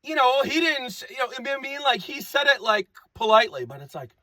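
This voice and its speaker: High lively guy doing a rambly comic monologue, repeats stuff, goofy wordplay, bright voice. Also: a little fast, no echo. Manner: rambling, repetitive, playful wordplay.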